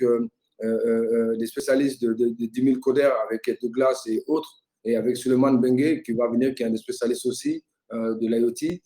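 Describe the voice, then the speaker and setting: Middle-aged male university representative, relaxed dark timbre, repetitive impromptu webinar thanks. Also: mid-range voice. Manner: repetitive, halting phrasing. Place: online video call.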